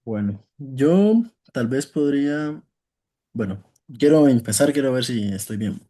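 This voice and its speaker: A man's voice: mid-range voice, lively intonation, measured pace, dark tone. A male student answering in class, hesitant and unsure, restarting his sentences often.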